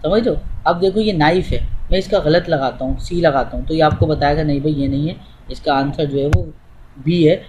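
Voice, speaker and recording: A man's voice: fairly high pitch, normal speed, background noise. A man teaching English, explaining step by step in an informal way to a student while demonstrating on screen.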